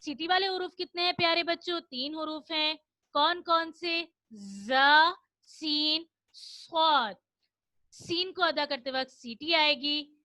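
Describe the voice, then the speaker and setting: A woman teaching children Quran recitation online, explaining each rule and then chanting the verses slowly for them to repeat. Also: high voice, pushed and bright, no room sound. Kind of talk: online children's tajweed lesson.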